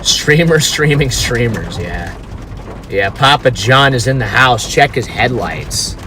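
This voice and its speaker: Man, bright forceful voice, informal storm-chase livestream, inside a car, faint ambient noise. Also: mid-range voice, expressive, slow. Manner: informal, talks to chat while watching storm. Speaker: storm chaser live streamer. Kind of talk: casual livestream commentary. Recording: noisy car with outdoor ambience.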